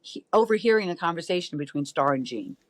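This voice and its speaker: Animated woman telling a story. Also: lowish voice, fast, dry recording. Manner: lively, animated storyteller who acts out quoted voices. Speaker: podcast guest. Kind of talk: casual storytelling.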